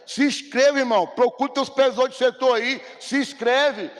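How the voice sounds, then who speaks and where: A man's voice: very high-pitched, steady tone, normal speed. A male pastor, preaching conversationally and acting out little dialogues. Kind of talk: sermon. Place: church hall. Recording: reverberant church hall.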